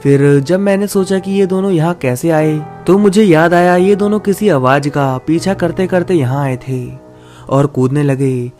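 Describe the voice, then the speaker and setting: Male horror storyteller over soft music. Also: a little high, a little slow. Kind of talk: scripted first-person horror narration.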